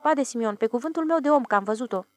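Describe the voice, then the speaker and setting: A woman's voice: a little high, expressive, dry recording, natural voice. A woman voicing a frightened village man, insisting with oaths that he saw a flying saucer. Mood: pleading. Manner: pleading, emphatic, swearing oaths.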